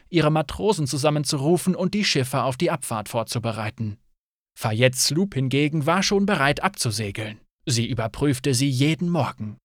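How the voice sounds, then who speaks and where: A man reading a fantasy audiobook as narrator in an expressive, scripted style. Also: medium pitch, no echo, clean studio sound.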